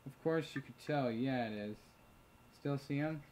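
The clip features a male let's play host at a normal speed and medium pitch, casually narrating a chat game by reading messages, muttering to himself, and cursing freely. Audio quality is poor with slight background noise, and loud keyboard typing and clicks carry behind him.

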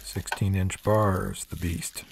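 Older guy doing a hands-on tool review at a workbench, deep gravelly voice, dry practical asides. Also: steady tone, slow, noisy background. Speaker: product reviewer. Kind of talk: hands-on product review narration. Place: workshop table.

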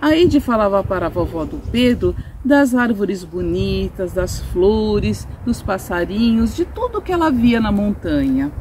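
Seated outdoors on a sunny garden patio, a middle-aged woman with a Brazilian Portuguese accent reads a children's story expressively, putting things in simple, explanatory terms. Her mid-range voice has lively intonation, and she speaks unhurriedly with few pauses while background noise is audible.

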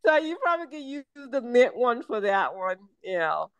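An older woman from the American South, a guest chatting over a video call, talking slowly and wandering with many fillers and restarts. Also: fairly high pitch, big pitch swings, clear, resonant tone, no room sound, lo-fi sound. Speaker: guest, syrup maker.

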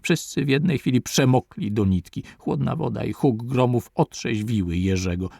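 A male audiobook narrator gives a measured reading of a classic adventure novel. His voice is gravelly and mid-pitched with a darkish tone, recorded dry and close.

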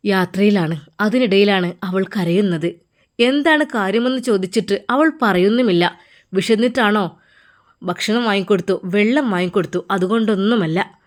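Woman telling a story with dramatic pauses. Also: medium pitch. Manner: unhurried, emotive, with dramatic asides. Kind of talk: dramatic religious story narration.

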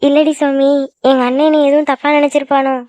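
A woman's voice: high voice, level tone, quick pace, dark tone, no echo. A woman voicing young women in a Tamil-language cartoon, in worried, confiding chatter.

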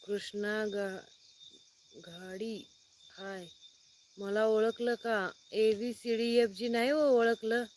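A woman's voice: on the high side, fairly even intonation, extremely slow, long pauses, darkish tone, a little hiss or hum. A woman farmer from Sangli district, chatting on a phone live stream outdoors at night, reading out viewers' names and greeting each one. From Sangli district, Maharashtra. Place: outdoors at night, sitting under a light.

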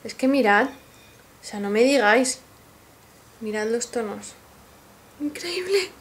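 Speaking at a measured pace in a slightly high voice, a woman with a Spanish accent from Spain presents her makeup in a casual haul video, with a little background noise. She's gushing and excitable, turning directly to her viewers.

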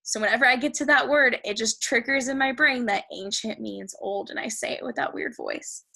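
American lady teacher reading to kids, kinda high, gravelly fry, excited and slow when reading. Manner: enthusiastic, reads text aloud slowly then explains. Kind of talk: recorded reading lesson for children.

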